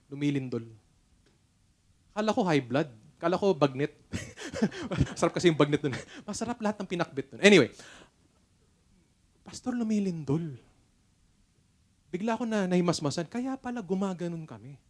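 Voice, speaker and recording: A middle-aged pastor with a Filipino accent and a high, darkish-toned voice preaches a sermon at a church service. He tells stories in an earnest, conversational way, mixing English and Tagalog.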